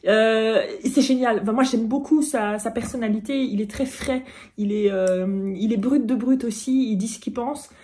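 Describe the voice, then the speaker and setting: A woman vlogging an unboxing in a casual chat, bubbly and excitable, often breaking into giggles. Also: on the high side, moderate pace.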